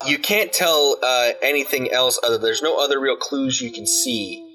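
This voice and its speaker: A man's voice: medium pitch, moderate pace, bright, forceful tone. Rambling man running a tabletop game. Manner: rambling, filler-heavy. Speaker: game master.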